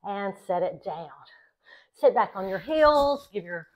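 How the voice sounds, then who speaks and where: A woman yoga instructor leading a class in calm, encouraging, short step-by-step cues timed to the breath. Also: mid-range voice, measured pace. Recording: dull, lo-fi sound.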